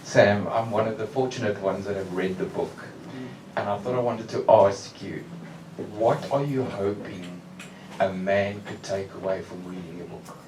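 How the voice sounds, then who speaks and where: A man in the audience puts a slow, deliberate question to the author. His low voice reaches the mic from a distance. The room is echoey and noisy. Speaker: audience member. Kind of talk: question from the floor.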